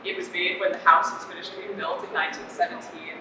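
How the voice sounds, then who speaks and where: Calm guide in an echoey hall. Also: mid-range voice, quick pace, noisy background. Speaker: garden guide. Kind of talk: informative tour explanation. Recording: roomy echo, distant mic, music under.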